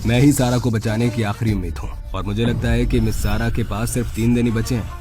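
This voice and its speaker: An actor playing a calm, confident young healer in a dubbed drama. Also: male voice, fairly low pitch, fairly quick, music in the background, lightly acted. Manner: calm, assured. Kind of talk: Hindi dub of a drama series.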